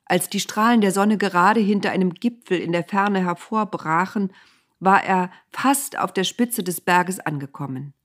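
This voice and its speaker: A woman reading a Bible story aloud in a calm, measured storytelling manner. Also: lowish voice. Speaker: narrator.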